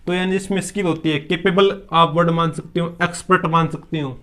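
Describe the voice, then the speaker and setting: A man runs a vocabulary lesson at a steady teaching pace. He keeps asking questions aloud and then answers them himself, and he mixes English words into his explanations. His voice sits a little high for a man. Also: fairly quick. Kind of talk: classroom-style vocabulary lesson.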